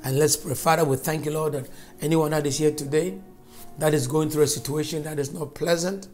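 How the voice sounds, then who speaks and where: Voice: mid-range voice, steady tone, fairly quick, darkish tone, soft background music. A preacher giving a fervent, emphatic sermon and spoken prayer, repeating phrases for stress.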